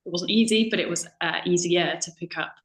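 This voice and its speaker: A woman's voice: lowish voice, fairly quick. A woman chatting casually as a guest, full of ums, acting out her own past remarks. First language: English. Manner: chatty, lots of ums and self-quoting. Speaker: guest speaker. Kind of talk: casual conversation. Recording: roomy echo.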